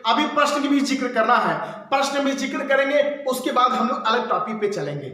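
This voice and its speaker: A man's voice: very high-pitched, expressive, fairly quick, bright, forceful tone. A male teacher giving an exam-prep lesson, asking and answering his own questions and repeating the answers. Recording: very echoey room.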